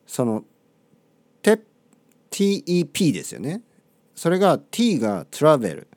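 A man's voice: mid-range voice, gravelly, darkish tone, no room sound. A middle-aged man talking casually in a playful, amused monologue. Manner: chatty, playful, amused asides.

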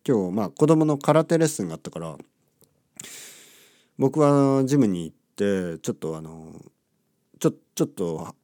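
Middle-aged guy rambling playfully, pitch all over, dry close mic. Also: expressive, moderate pace, long pauses, warm tone, dry recording. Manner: chatty, playful, amused asides. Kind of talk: casual monologue.

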